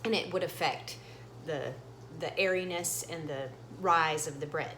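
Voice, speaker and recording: In her home kitchen, a middle-aged cooking-channel host talks through every step as she shows it, in a chatty way. Her voice is lowish and a bit bright, the room is reverberant, and a little hiss or hum is audible.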